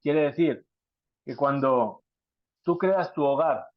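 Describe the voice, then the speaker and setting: A man with a fairly high voice teaches a Talmud class, often posing rhetorical questions and glossing Hebrew words. The sound is dry and somewhat dull and lo-fi, close with no room. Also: slow, no echo. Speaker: Torah teacher.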